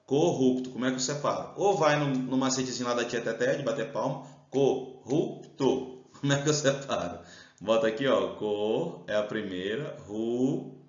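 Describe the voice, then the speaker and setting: A man's voice: medium pitch, fast. A Brazilian man teaching an exam-prep grammar lesson, explaining step by step and stretching out stressed syllables. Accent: Brazilian Portuguese. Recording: roomy, slightly dull sound.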